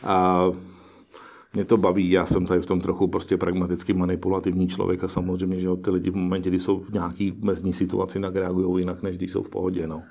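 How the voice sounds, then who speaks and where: A middle-aged man with a very low voice speaks in a flat, even tone. He is being interviewed about his work as an investor. He talks in a pragmatic, musing way, often breaking off and restarting his sentences. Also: creaky. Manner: pragmatic, musing, self-correcting. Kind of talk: interview answers.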